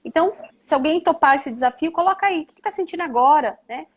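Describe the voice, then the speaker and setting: High-voiced woman, reflective live chat. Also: expressive, quick pace. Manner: reflective, frequent "né?" tags. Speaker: live-stream guest. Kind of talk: conversational live stream.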